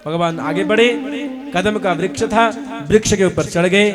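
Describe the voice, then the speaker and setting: A man narrating a devotional story in an animated way, acting out the characters' words. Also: sits high, normal speed.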